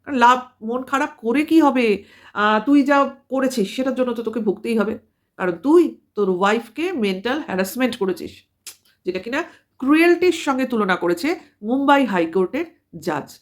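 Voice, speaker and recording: A woman delivers a rapid commentary to camera, her voice sitting a little high. She lectures like she is scolding someone directly, piling up rhetorical questions as she goes. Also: expressive. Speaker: vlogger.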